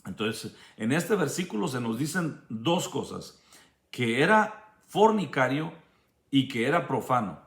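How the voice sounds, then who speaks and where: Preacher, male, unhurried teaching sermon with frequent restarts, roomy sound. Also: mid-range voice, very animated, creaky. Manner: slow, measured explaining with frequent restarts. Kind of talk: bible study sermon.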